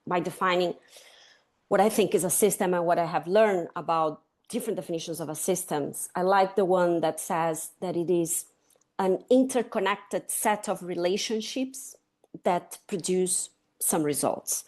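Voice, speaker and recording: A Chilean woman in her fifties, a sustainability consultant, is a guest in a conversational interview, explaining ideas step by step. She has a Chilean Spanish accent and a lowish, darkish voice at normal speed.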